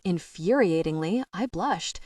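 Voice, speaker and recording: A woman's voice: lowish voice, lively intonation, unhurried, darkish tone, no room sound, studio quality, recorded from a distance. Woman narrating a wry romance audiobook. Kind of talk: first-person romance narration.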